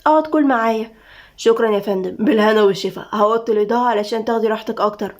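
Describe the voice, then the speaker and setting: A woman's voice: a little high, racing, natural voice. A woman voicing a shy, polite young male guard with an Egyptian accent in an audio story. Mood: gentle. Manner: polite, nervous, warm.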